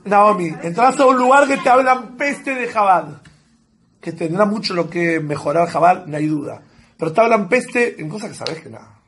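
A man's voice: high voice, normal speed. A man with a Rioplatense Spanish accent leading a group lesson, telling little scenes and asking the group questions. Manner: lively storytelling, asks the group questions. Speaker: workshop leader. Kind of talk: group lesson with role-play examples.

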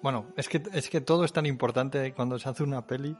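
A man's voice: medium pitch, fairly quick, faint music behind. A man bantering casually as a co-host, interjecting in a teasing way.

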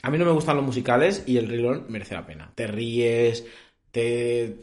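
A man, telling stories with animated jokes as a podcast co-host in casual chat. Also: medium pitch, normal speed. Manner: animated storyteller, jokey. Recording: roomy echo.

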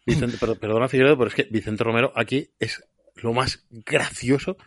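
A man of middle pitch breaks down a film's performances with quick, emphatic remarks. His voice is recorded close and dry. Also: steady tone, a bit bright, no room sound. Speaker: film commentator. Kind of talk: casual film discussion.

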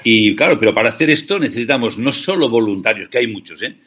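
A man's voice: medium pitch, animated, fast, fairly bright tone, slightly rough. A man from Spain, an ethical banking founder, giving passionate, persuasive interview answers over a remote call, often asking rhetorical questions.

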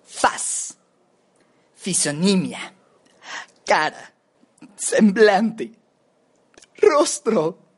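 A woman's voice: mid-range voice, sing-song, a bit bright. A woman from Mexico, a radio announcing student, reading synonym lists aloud and shifting her tone from word to word. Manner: slow, deliberate, shifting tone word by word.

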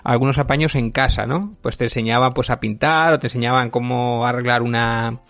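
A man's voice: medium pitch, steady tone, fairly quick, fairly bright tone. A man from Spain hosting a podcast, chatting in a rambling, self-deprecating way with lots of fillers. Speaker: podcast host. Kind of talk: casual chat. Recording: dry, dull lo-fi audio.

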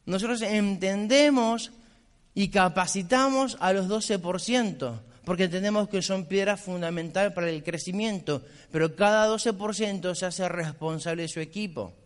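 A middle-aged man with a Rioplatense Argentine accent delivers a motivational business talk in a high voice. He is emphatic and insistent, hammering points through repetition. His voice carries a long reverb tail from a large convention hall. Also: moderate pace. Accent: Rioplatense Argentine Spanish. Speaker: motivational speaker.

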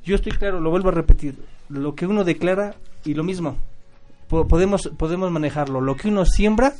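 A man's voice: on the high side, brisk, a little mellow. Emphatic man talking faith. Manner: emphatic, repeats words when worked up. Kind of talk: casual faith discussion.

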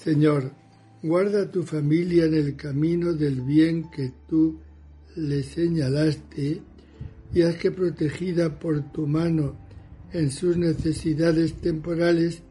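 A man leading recited liturgical morning prayer in a solemn, measured way, as a prayer leader. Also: on the high side, steady tone. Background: soft music.

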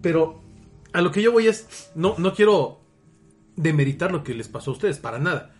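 A man's voice: a little high, expressive, normal speed, soft background music. A man with a Mexican accent in casual podcast chat, reflective and asking questions.

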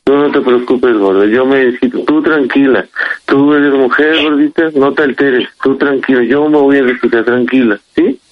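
A Mexican man on a phone call, speaking to calm his sister and promising to handle things himself. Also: medium pitch, moderate pace, no echo. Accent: Mexican Spanish. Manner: calm at first, then swearing and threatening. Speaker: prank call victim.

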